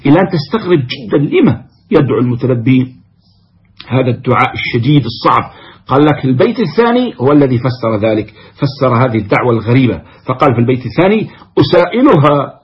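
Male teacher reading verses aloud and explaining them. He talks fast, and the recording sounds dull. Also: medium pitch, sing-song. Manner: recites verses, then explains them in a conversational mix of dialect and formal speech. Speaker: lecturer on classical poetry.

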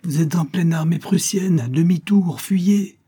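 A man voicing an excitable male innkeeper, a former soldier, who urgently shouts warnings in a husky voice. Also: mid-range voice, moderate pace, close to an everyday voice. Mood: alarmed.

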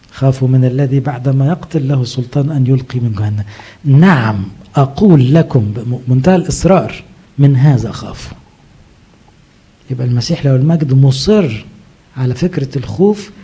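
A man's voice: mid-range voice, mellow, slightly rough. A middle-aged man with an Egyptian accent, a priest preaching a sermon who asks rhetorical questions and answers them himself. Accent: Egyptian Arabic.

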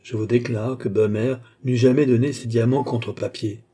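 A haughty yet jittery fake nobleman in a storybook read-aloud, voiced by a man. The voice is warm and husky, with an air of strained dignity. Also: medium pitch, fairly even intonation, moderate pace. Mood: agitated. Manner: dignified but anxious. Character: proud, nervous male impostor posing as an ambassador.

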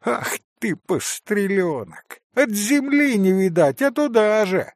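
Man doing a shrill scolding market woman. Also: very animated, slow, no echo, studio quality, full character voice. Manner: shouty and scolding.

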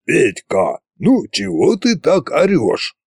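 A man voicing a weary, unbothered old tsar in an audiobook, with a tired drawl and gravelly, husky tone. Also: fairly high pitch, wildly swooping pitch, takes it slowly, a little mellow, no echo, studio quality, pitched above the performer's own voice, exaggerated voice.

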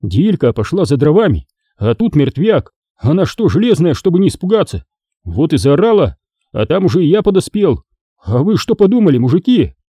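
A man's voice: a little high, big pitch swings, normal speed, dark tone, husky, no echo, clean studio sound, pitched above the performer's own voice. A man voicing a burly middle-aged male villager with coarse, folksy outbursts, in an audiobook. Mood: agitated.

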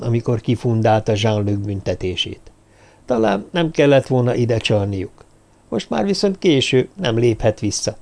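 A man reading a suspense novel as audiobook narrator in a steady, measured manner. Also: mid-range voice, gravelly. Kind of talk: scripted narration.

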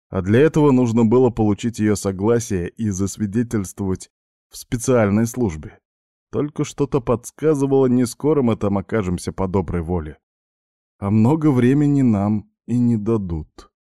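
Man reading first-person audiobook, low dark voice, dry close sound, brooding and measured. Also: no room sound. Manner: measured, brooding, gruff in dialogue.

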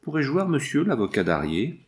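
A man's voice: mid-range voice, wildly swooping pitch, moderate pace, voice pushed up. A man voicing a frightened young woman who pleads for help, in a storybook reading. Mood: distraught.

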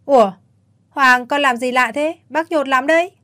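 A woman voicing a lively, joking young man who talks fast and loud. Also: high voice, pitched above the performer's own voice. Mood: teasing. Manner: quick, loud and breezy.

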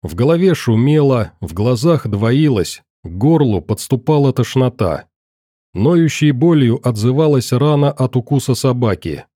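Dark-voiced male audiobook narrator. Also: mid-range voice, animated, measured pace, no room sound, clean studio sound.

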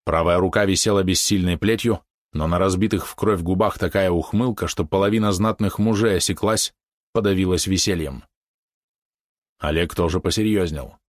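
A man narrating an audiobook in an even, measured way. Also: low-pitched, no room sound, studio quality. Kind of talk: scripted narration.

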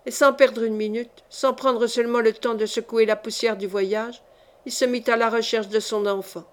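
Measured woman narrating a novel. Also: on the high side, fairly even intonation. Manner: measured, clear storytelling. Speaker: audiobook reader. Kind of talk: audiobook narration.

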